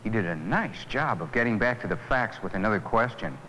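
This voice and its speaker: This man, the lead of a 1980s educational film, reflects earnestly on the lessons he's taken away, his intonation lively. His voice sits lowish and runs fairly quick, captured in a low-quality recording with slight background noise.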